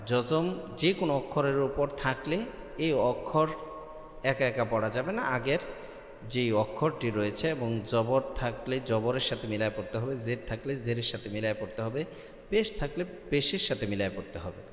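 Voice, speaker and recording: A man teaching Quran recitation step by step, patiently spelling out letters and vowel marks and slowly chanting verses. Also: medium pitch. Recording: echoey room with long reverb.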